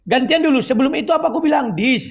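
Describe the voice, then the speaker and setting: A man's voice: very high-pitched, fast, muffled recording. A man in a heated online debate, combative, who keeps cutting in to demand his turn. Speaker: guest debater.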